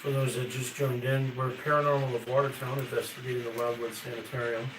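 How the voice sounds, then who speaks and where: Male paranormal investigator, casual livestream host, mid-pitched voice buried in heavy rasping spirit box static. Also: little pitch movement, brisk. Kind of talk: casual live ghost-hunt chat, questioning spirits. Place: sanitarium basement. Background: loud raspy static noise.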